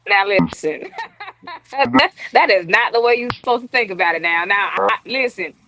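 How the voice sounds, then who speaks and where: A woman's voice: medium pitch, animated, moderate pace, bright, forceful tone. A woman, chatting as an interview guest, teasing and laughing often. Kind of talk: casual interview chat.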